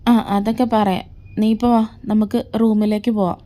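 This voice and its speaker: A woman voicing a patient young man who reasons gently with his friend in a fan audio drama. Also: medium pitch, level tone, normal speed, close to an everyday voice. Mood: calm.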